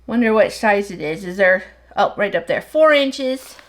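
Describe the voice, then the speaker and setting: A middle-aged American soap maker chats casually while working in her home soap workshop. Her slightly nasal, mid-pitched voice is expressive, and she rambles fast, hardly pausing for breath.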